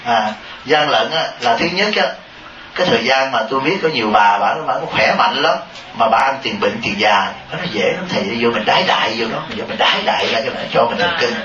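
A man giving a Buddhist Dharma talk to a congregation, lively and teasing, often asking the listeners questions. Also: medium pitch, a little fast, crowd noise. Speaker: Buddhist monk. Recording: dull, echoey hall audio from a distance with noise.

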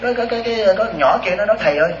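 A Southern Vietnamese man, a Buddhist monk, preaches a sermon in quick, animated bursts full of exclamations. His voice sits a little high for a man. It echoes around a roomy hall, and the recording sounds slightly dull. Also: slight background noise. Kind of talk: storytelling dharma talk. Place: hall with a seated audience.

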